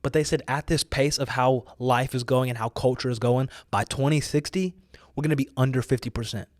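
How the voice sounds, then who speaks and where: An American man preaches with emphatic urging in a mid-range voice, fairly even in intonation and a little fast. It's informal motivational preaching, exhortative, with repeated phrases for effect and casual youthful slang, recorded at studio quality with no echo.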